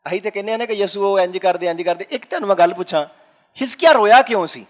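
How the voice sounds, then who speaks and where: Man, pastor, high voice, sermon, questions to the congregation, loud bursts and quiet asides. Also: fairly even intonation. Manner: preaching with rhetorical questions to the congregation; swings between loud emphatic bursts and low quiet asides.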